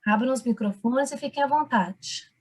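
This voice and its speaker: A woman's voice: high-pitched, moderate pace, slightly rough. A woman, a teacher trainer leading an online seminar who encourages the group and keeps asking them questions. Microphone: video call microphone.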